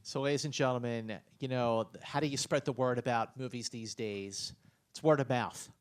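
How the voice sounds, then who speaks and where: A man's voice: mid-range voice, fairly even intonation, moderate pace, slight background noise. A man moderating a screening Q&A in a theater, upbeat and quipping to the audience. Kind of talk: hosting a screening Q&A. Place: theater stage.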